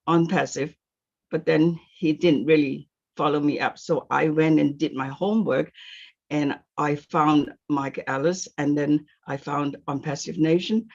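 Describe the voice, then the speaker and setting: An older woman from Singapore talks slowly on a video call, hesitating often and giggling between thoughts. Her voice has a gravelly edge. The call audio is muffled and lo-fi. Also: deep voice. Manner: halting, giggly, many fillers. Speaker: meeting participant. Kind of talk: casual testimony.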